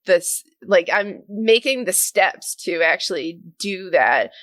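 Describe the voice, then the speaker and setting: A woman's voice: on the low side, lively intonation, takes it slowly, a bit bright, no echo. A young woman with a Massachusetts accent, rambling in casual podcast chat and filling her speech with "like". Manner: rambling, heavy on "like". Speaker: podcast co-host.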